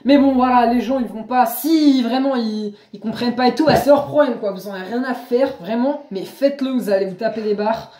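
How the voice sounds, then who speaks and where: A young woman vlogger chatting casually, telling an anecdote in lively slangy storytelling. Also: on the high side, a little fast, hardly any pauses. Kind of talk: casual chat. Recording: echoey room.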